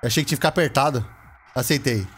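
A young man with a Brazilian accent giving casual, excitable gameplay commentary, full of slang, shouting and laughing at the game. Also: medium pitch, rapid-fire, a little hiss or hum. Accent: Brazilian Portuguese. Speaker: gameplay streamer.

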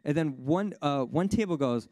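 A man preaching in a casual storytelling way, with lots of "like" and "you know". His voice jumps up high when he gets excited, and he laughs often. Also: moderate pace, no echo. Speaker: worship speaker at a church service. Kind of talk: sermon testimony told as a story.

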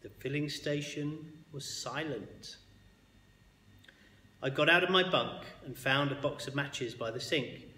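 A man's voice: on the high side, a little slow, slight background noise. Man reading a bedtime story, echoey. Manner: expressive, with hushed quiet passages. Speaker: reader of a children's book. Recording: echoey hall with long reverb.

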